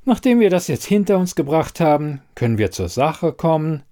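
A man voicing a curt, sharp woman investigator. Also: a little high, very animated, moderate pace, pitched above the performer's own voice. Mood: cool, clipped. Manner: curt, pointed questioning.

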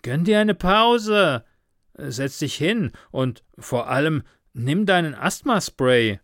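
A brash young man talks in a raised, loud, bantering way, his voice pitched above the narrator's own. He is a friend who jokes one moment and worries the next, as a male narrator puts him on for a read-aloud story. The sound is close and dry. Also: animated, slow, dry recording.

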